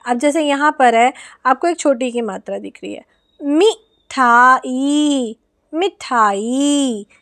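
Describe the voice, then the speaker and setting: High-voiced Indian woman teaching parents. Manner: explains step by step, stretches example words. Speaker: online teacher. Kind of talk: Hindi lesson for parents.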